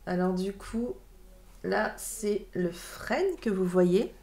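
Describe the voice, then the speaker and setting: A woman in her late 30s co-hosts a casual livestream, chatting and reacting to messages from viewers. She speaks slowly in a medium-pitched, mellow voice. The sound comes from a webcam livestream.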